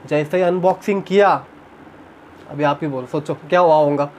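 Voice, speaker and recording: A man's voice: on the high side, fairly even intonation, moderate pace, darkish tone, a little hiss or hum. A young man, chatting casually in a home vlog and retelling a story with animation. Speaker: vlogger. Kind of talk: casual chat. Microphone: camera on tripod.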